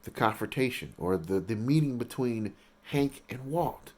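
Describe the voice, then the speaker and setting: Rambling man reacting to a TV episode. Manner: rambling, halting, often restarting sentences; gets excited and higher at big moments. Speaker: reaction video host. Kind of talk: casual TV reaction commentary.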